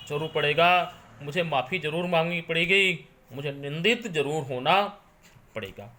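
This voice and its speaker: Male teacher, class lecture; bright, forceful tone, slightly high; recites verse, then paraphrases with lots of repetition. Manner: repeats phrases often, fills with "jo hai". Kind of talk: explaining poetry in a class lecture.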